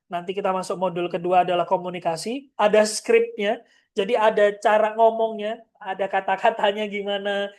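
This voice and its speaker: A woman's voice: mid-range voice, a little mellow. Woman, parenting trainer, seminar lecture, direct, firm, addresses the audience. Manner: acts out short parent-child exchanges.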